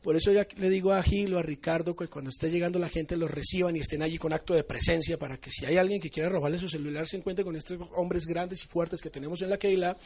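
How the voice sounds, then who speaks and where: A man with a Colombian accent giving an animated Torah teaching to his congregation, acting out little everyday dialogues as he goes. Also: on the high side, quick pace, few pauses, slightly rough.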